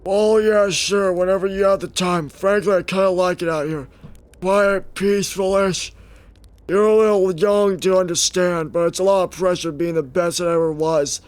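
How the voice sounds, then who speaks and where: A grizzled old star pilot drawls through his tale in a rough, strained voice, as a man puts him on. The voice sits a little above the usual male register. He talks like a folksy old-timer. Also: high-pitched, steady tone, moderate pace, natural voice. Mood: earnest. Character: gruff old male space explorer storyteller.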